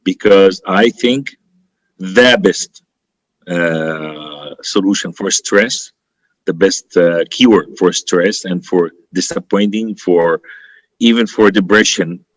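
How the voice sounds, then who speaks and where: Emphatic Egyptian-accented man, lowish voice, dry sound. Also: slow, dry recording. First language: Arabic. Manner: emphatic, encouraging, repeats phrases for stress. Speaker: interview guest, politician and teacher. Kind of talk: conversational interview answers.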